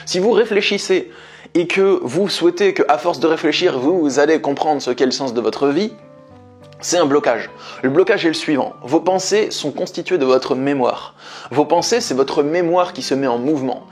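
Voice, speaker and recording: Husky-voiced male life coach. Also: fairly high pitch, normal speed, a little mellow, soft background music. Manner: earnest, explanatory, addresses viewers directly. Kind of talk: motivational advice monologue.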